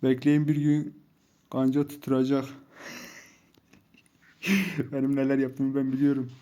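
A man's voice: mid-range voice, flat delivery, measured pace, dark tone. A young man commentating live over his mobile game, heated and mocking as he scolds his teammates. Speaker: gaming YouTuber.

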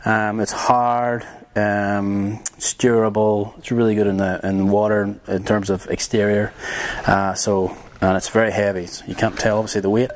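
A young man walks through building materials in a workshop. His voice sits a little low, and he talks in a loose, casual way with plenty of ums. It sounds like an easygoing hands-on demonstration. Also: normal speed. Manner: relaxed, rambling with many ums. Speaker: tiny house builder.

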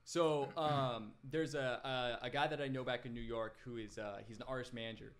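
A man's voice: mid-range voice, steady tone, moderate pace. A man in his twenties, a guest telling his story in a casual podcast interview, with many fillers and restarts. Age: 20s. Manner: rambling, lots of fillers and restarts. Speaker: guest videographer. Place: small podcast room. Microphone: desk mic on boom arm.

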